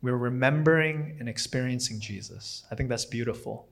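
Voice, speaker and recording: Here a man whose first language isn't English gives a relaxed sermon that rambles, often pausing to correct himself with plenty of fillers and restarts. His mid-range voice is a bit bright and runs at normal speed.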